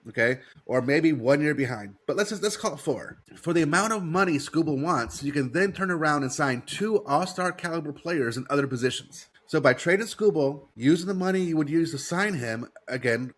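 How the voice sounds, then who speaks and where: A man's voice: fairly high pitch, animated, a little fast, hardly any pauses, fairly bright tone. An American man hosting sports talk, congested with a head cold and breathing through his mouth, repeating his points for emphasis. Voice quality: stuffy-nosed.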